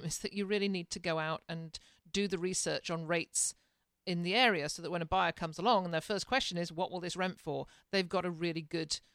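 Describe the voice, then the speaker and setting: An Englishwoman with a smooth, dry, lowish voice co-hosts a podcast in casual chat, her English accent softened by years in Canada. She's chatty and laughs easily but hesitates with fillers, and the recording is dry.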